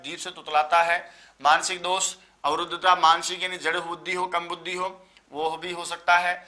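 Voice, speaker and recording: Bright-voiced tired teacher from Rajasthan. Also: male voice, a little high. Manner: explanatory, lists terms in quick runs, addresses students as sir. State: tired, just woke up. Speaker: online Sanskrit teacher. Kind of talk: live online exam-prep lecture.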